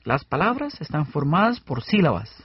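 Male radio co-host, plain explainer, husky voice, dry lo-fi broadcast. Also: on the high side, sing-song, dry recording. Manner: explains plainly, breaks words into syllables slowly. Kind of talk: scripted educational radio. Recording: dull lo-fi radio recording.

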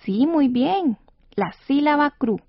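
Patient woman radio teacher, slightly high voice. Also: lively intonation, slow pace, dry recording. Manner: patient, clear, encouraging. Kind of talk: scripted educational radio lesson. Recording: dull dry studio radio recording.

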